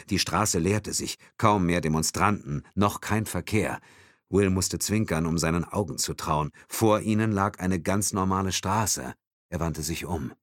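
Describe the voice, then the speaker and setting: A man narrating a thriller audiobook in a dramatic, expressive reading. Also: deep voice, dry recording, clean studio sound.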